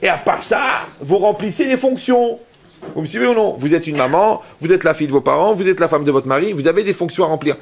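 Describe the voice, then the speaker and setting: A middle-aged rabbi delivers a sermon with a somewhat high, gravelly voice. He tells lively anecdotes, acting out both sides of conversations, and keeps checking whether his audience is following. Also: fast, slight background noise. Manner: lively storytelling with acted dialogue and jokes; often asks the audience if they follow.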